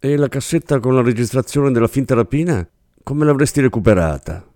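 A man's voice: mid-range voice, a little fast, mellow, dry recording, studio quality, voice pushed up, close to an everyday voice. A man voicing a male investigator who presses and questions insistently, in an audiobook reading. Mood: pressing.

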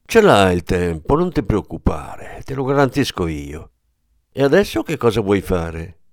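A man voicing a grieving, menacing former policeman in an audiobook, with a hard, forceful delivery. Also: on the low side, big pitch swings, unhurried, dry recording, clean studio sound. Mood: threatening.

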